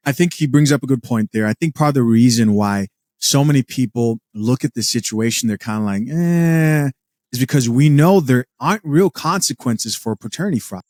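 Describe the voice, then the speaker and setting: A man in his thirties hosting a commentary show, talking straight to viewers in a measured way with rhetorical questions. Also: mid-range voice, expressive, a little mellow, no room sound. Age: 30s. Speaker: host reacting to clips.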